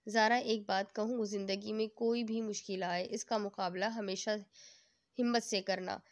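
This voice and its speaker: A woman's voice: medium pitch, fairly even intonation, moderate pace, lightly acted. A woman reading the lines of a playful young husband who teases and comforts his wife. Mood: teasing, tender. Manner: teasing, coaxing.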